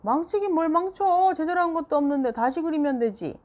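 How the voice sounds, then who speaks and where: A woman doing a sharp, scolding storybook mother. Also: a little high, big pitch swings, normal speed, slightly rough, dull audio, voice pushed up. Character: sharp-tongued, quick-tempered mother.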